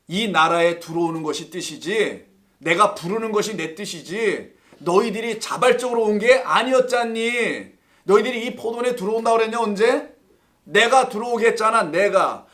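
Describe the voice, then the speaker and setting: A male pastor with a high voice teaching a midweek Bible study in church. He throws out rhetorical questions and swings between loud, pressing lines and soft asides. He acts out quoted voices within the sermon.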